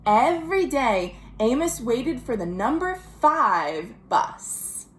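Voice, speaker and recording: Hosting a virtual storytime from home, this children's librarian from the United States has a high-pitched voice and an American accent. She reads slowly and very animatedly, stretching words, pausing to pose simple, gentle questions, and chatting between passages. There's slight background noise.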